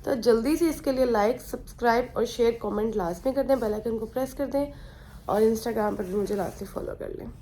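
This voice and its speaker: A woman's voice: fairly high pitch, a little fast, mellow. A young woman, vlogging in her bedroom while unwell with a slight fever, talking in a chatty, rambling way. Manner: chatty, rambling, mixes in English phrases. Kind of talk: casual vlog chat.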